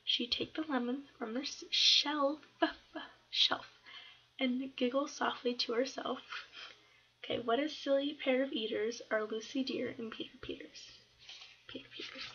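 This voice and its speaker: A woman's voice: high voice, creaky, a bit bright, highs cut off, a little hiss or hum. A woman reading a picture book aloud at home, breaking off into casual, giggly whispered asides. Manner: giggly, casual, drops to whispered side comments. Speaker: storyteller reading to a child. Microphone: webcam at a desk.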